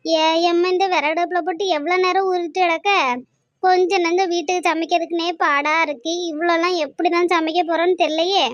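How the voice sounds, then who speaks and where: A woman's voice: very high-pitched, fairly even intonation, fairly quick, no room sound, dull audio. A woman voicing a practical elder village woman in a cartoon. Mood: fretting. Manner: fretting, planning aloud. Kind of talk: cartoon voice acting.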